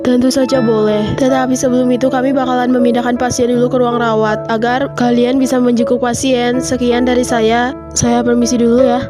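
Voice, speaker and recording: A woman voicing a calm hospital doctor in an animated fan drama, delivering news in a formal, polite way. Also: a little high, fairly quick, music in the background, lightly acted.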